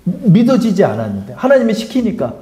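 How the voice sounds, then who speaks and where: A man's voice: high voice, wildly swooping pitch, fairly quick, warm tone, echoey room. A man preaching a sermon as a pastor, emphatic, throwing rhetorical questions and acting out quotes. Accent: Seoul Korean. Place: church sanctuary.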